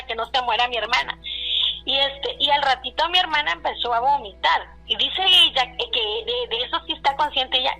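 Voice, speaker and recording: A woman's voice: high voice, creaky, sharp tone, low-quality recording. A woman recounting a personal family story in casual speech, rambling, with many restarts and fillers, retelling what people said. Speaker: caller telling a personal story.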